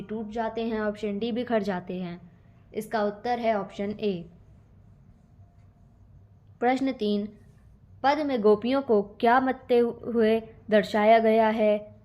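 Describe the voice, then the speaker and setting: A woman's voice: a little high, mellow. A woman teacher steadily reading out a poem explanation and answers for a school lesson.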